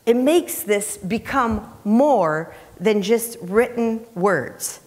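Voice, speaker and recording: A middle-aged woman preacher teaches scripture from a church platform, speaking extremely slowly in a medium-pitched, darkish voice with lively intonation. Emphatic yet conversational, she repeats key phrases and questions her listeners, her words ringing in the reverberant sanctuary.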